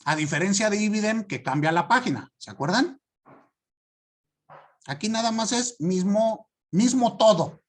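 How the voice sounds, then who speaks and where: Lively lecturer checking understanding. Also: male voice, high-pitched, measured pace. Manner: lively, stresses key words, checks understanding often. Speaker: law teacher. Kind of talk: lecture to students.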